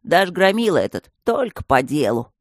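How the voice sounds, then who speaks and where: A man doing a loud, cheeky stone gargoyle. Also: fairly high pitch, very animated, normal speed, no room sound, clean studio sound. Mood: teasing. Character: jolly teasing male stone gargoyle.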